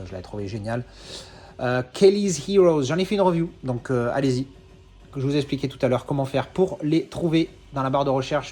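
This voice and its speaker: Husky-voiced man rambling casually. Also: mid-range voice, a little mellow. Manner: rambling, lots of hesitations and self-corrections. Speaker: film collector and YouTuber. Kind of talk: casual unscripted video talk.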